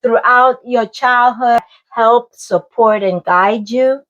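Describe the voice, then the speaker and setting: Slow-spoken woman interview host. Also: on the high side, fairly bright tone, muffled recording. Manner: slow, measured questions with frequent ums. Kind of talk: hosted interview.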